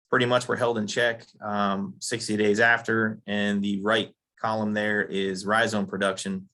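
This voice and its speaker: Hoarse man clearing his throat, lecturing. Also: fairly low pitch, a bit bright. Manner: frequent throat clearing, halting with fillers. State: losing his voice. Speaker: turf science presenter. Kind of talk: technical lecture.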